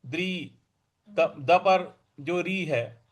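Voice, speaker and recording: Man teaching scripture, very slow, high voice, chants verses, repeats each word. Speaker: Gita teacher. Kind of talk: verse recitation and explanation lesson.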